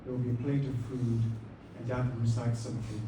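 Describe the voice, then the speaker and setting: A man delivering a eulogy to a gathering, speaking with dignified, measured grief and reverence. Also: medium pitch, level tone. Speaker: son giving a eulogy. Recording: distant, echoey, faint noise, muffled.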